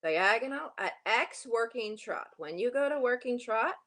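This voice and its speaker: A woman coaching a horse riding lesson, projecting brisk, urgent, repeated short commands with encouragement. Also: a little high, lively intonation, a bit bright.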